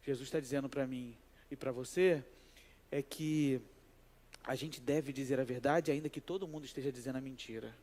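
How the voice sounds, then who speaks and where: A man, a pastor giving a sermon in an animated, conversational way and telling a personal story. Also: mid-range voice, moderate pace. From Brazil.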